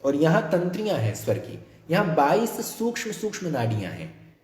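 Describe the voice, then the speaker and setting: A man's voice: on the high side, very animated, a little mellow, echoey room. A man giving an academic lecture, explaining step by step and counting off his points. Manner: explanatory, deliberate, enumerating points. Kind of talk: academic lecture on music theory.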